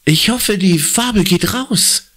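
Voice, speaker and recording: A man's voice: high-pitched, slow, pitched above the performer's own voice, full character voice. A man doing a sheepish young schoolboy. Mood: apologetic. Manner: bright, apologetic boyish chatter.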